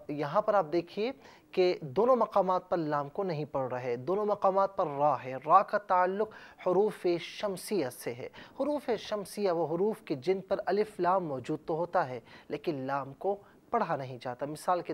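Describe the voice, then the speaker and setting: A man hosting a TV lesson on Quran recitation, explaining rules carefully and drawing out words letter by letter. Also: a little high. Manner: measured teaching, drawn-out letter-by-letter recitation. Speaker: TV Quran teacher and host.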